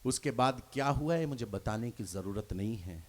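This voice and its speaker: A man's voice: mid-range voice, lively intonation, normal speed. A man performing his poetry on stage at a live poets' gathering, declaiming each couplet twice and speaking straight to the audience.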